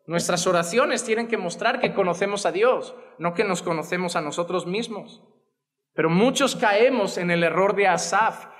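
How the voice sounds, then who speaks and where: A pastor in his thirties with a Spanish accent from Spain delivers an impassioned sermon from a wooden pulpit on a church stage, gesturing widely. He speaks into a pulpit gooseneck mic in a high, fairly bright voice at a moderate pace, and the sound fills a large hall.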